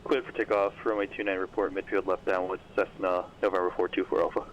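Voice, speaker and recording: A man making quick, clipped radio calls as a pilot, heard through a cockpit radio headset. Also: low-pitched, level tone, slight background noise. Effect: pilot's voice over a cockpit radio headset. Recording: dull lo-fi radio transmission.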